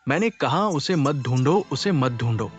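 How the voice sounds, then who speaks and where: A man's voice: medium pitch, lively intonation, moderate pace, faint music behind, lightly acted. A man dubbing a stern, aloof young billionaire CEO in a TV drama, speaking curtly and coldly. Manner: curt and cold. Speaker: boss. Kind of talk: Hindi dub of a TV drama.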